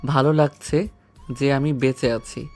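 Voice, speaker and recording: An actor playing a wounded young man who speaks in a strained, quiet voice in an audio story. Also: mid-range voice, fairly even intonation, unhurried, lightly acted. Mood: weak, pleading. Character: wounded young man, weak but resolute. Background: faint background music.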